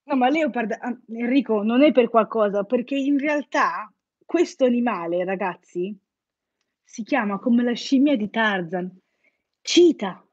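A woman's voice: fairly high pitch, unhurried, a little mellow, dry recording. Playful Italian-speaking woman teacher, lo-fi stream. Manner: playful, teasing, jokes with students. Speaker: English teacher hosting a live quiz. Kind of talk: live-stream lesson, chatting with viewers. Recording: dull, lo-fi live-stream audio.

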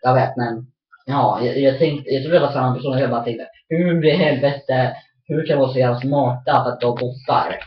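A woman chatting casually while playing an online shooter with her sibling, rambling, cursing at the game and fussing protectively over the other player. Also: extremely low pitch. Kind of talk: casual gaming chat. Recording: dull, roomy, off-mic home recording.

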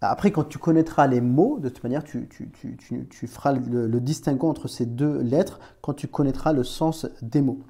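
A man's voice: medium pitch, moderate pace, few pauses, dark tone. A man teaching Arabic letters in a chatty, informal way, talking straight to the learner with many restarts. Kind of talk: informal screen-recorded lesson.

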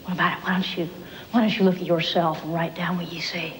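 A woman's voice: lowish voice, little pitch movement, quick pace, in a large hall, slight background noise, natural voice, low-quality recording. An actress playing an earnest young female FBI trainee in a film, speaking in a tense, probing, defensive way. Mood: defiant. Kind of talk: film drama acting.

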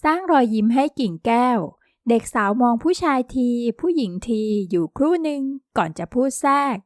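High-voiced woman reading a story. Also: moderate pace, dry recording, studio quality. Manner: even storytelling read. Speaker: audio novel narrator. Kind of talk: scripted narration.

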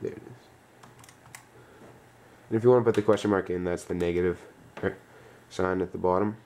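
A man with a low, creaky voice dictates tutorial steps one piece at a time. He speaks in short fragments with pauses, and there is faint noise behind him. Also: steady tone, darkish tone. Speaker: tutorial presenter. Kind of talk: step-by-step instructional dictation of key presses.

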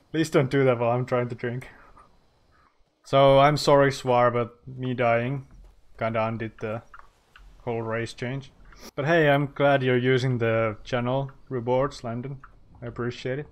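A man's voice: mid-range voice, fairly even intonation, measured pace, long pauses. A young man streaming a video game, chatting casually with viewers, swearing and laughing often. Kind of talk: casual gaming commentary.

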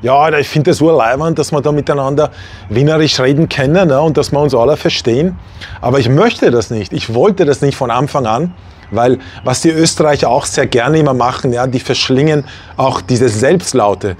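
A man in his forties from Vienna talks straight to camera in accent-free standard German, lively and chatty. He gestures as he speaks and fills his talk with little asides and fillers. His voice sits at an ordinary middle pitch, recorded in a small indoor room. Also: normal speed, breathy edge. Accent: standard High German, no regional accent. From Vienna, Austria. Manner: animated, gestures a lot, many fillers and asides. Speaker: language teacher and channel host.

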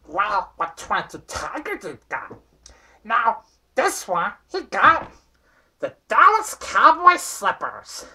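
Young man as a shrill, raspy grumpy penguin. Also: huge pitch swings, takes it slowly, pushed and bright, full character voice. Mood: excited, defensive. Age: young adult. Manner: abrasive, sarcastic swearing. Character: grumpy, foul-mouthed little toy penguin. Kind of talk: amateur puppet comedy skit. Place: small bedroom indoors.

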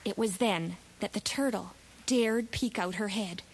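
A woman narrating a rhyming children's story in a lively, expressive, sing-song way. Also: mid-range voice, measured pace, husky. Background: music.

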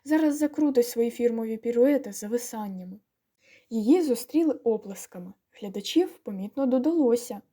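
A woman narrating an audiobook with lively, expressive storytelling. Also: a little high, brisk.

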